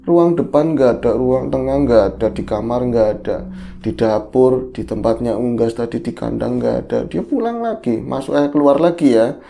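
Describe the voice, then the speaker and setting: A man narrates a horror tale in relaxed chat, with a dark, mellow tone and a gravelly crackle in his voice. He keeps the story moving and checks in with his co-host as he goes. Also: mid-range voice, moderate pace.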